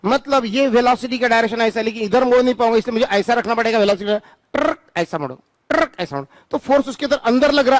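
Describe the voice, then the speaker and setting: A man's voice: extremely high pitch, no room sound. An Indian man teaching physics to a classroom, calling on students by name, repeating phrases and scolding them playfully. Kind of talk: classroom lecture.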